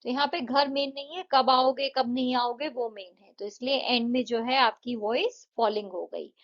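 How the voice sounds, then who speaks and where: A woman's voice: fairly high pitch, fairly even intonation, moderate pace. Patient woman teacher explaining step by step. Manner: patient, explains step by step with Hindi-English mixing. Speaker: English teacher. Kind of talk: exam-prep lesson explaining answers. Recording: dull lo-fi audio.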